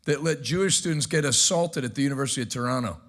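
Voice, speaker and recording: A brash male host with a gravelly, creaky edge to his mid-pitched voice. He delivers sarcastic news commentary with punchy, energetic remarks between clips. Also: fast. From United States.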